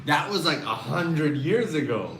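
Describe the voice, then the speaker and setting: A man's voice: a little high, big pitch swings, measured pace. Earnest chatty man streaming from a restaurant. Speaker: channel host. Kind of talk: casual live-stream chat. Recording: echoey room, faint background noise.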